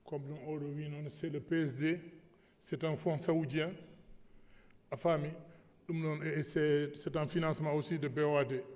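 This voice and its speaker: Male deputy, Senegalese accent, fairly high-pitched, emphatic parliamentary oratory with repetition, long hall reverb. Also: little pitch movement, moderate pace, a little mellow. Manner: emphatic, repeating himself for stress. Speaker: member of parliament. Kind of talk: parliamentary speech switching between French and Pulaar. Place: large parliamentary assembly hall.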